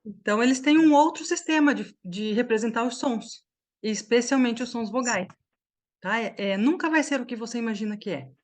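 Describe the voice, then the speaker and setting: Brazilian woman teaching online, patient. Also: on the high side. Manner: explains slowly with many checking questions. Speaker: English teacher. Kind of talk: online class explanation.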